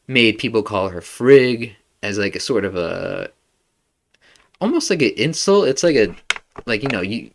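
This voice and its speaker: A podcast host with a somewhat low male voice chats loosely about a game. He talks in a relaxed, slangy way and fills his sentences with "like" and "bro". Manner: laid-back slangy talk full of "like" and "bro". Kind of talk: casual video game discussion.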